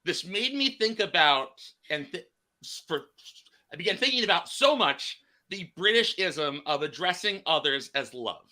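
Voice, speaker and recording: A man's voice: high voice, animated, a little slow, bright, forceful tone. A man hosting a casual podcast chat, rambling and restarting his phrases. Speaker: podcast host.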